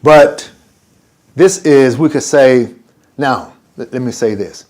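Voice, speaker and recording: This older man, serving as imam, teaches an informal religious lesson slowly in a mid-range voice. Animated and prone to digressions, he strays off topic and acts out exchanges between people.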